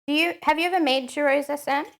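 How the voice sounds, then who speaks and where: A woman's voice: high-pitched, steady tone, quick pace, gravelly, fairly bright tone. A woman chatting casually on a live stream while she cooks at home, answering chat with lots of "um"s.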